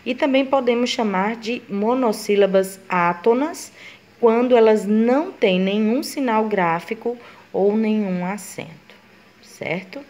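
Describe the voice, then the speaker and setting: A woman's voice: fairly high pitch, a little slow, a little mellow. A woman teacher gives a grammar lesson, explaining step by step and voicing her students' questions.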